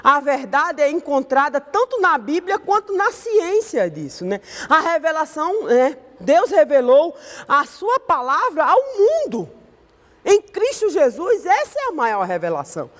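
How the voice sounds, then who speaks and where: A woman with a Brazilian Portuguese accent teaches an online Sunday school Bible lesson in a conversational style, often finishing sentences with a questioning tag. Her voice sits high with big pitch swings, her pace is measured, and the sound carries a big-room quality.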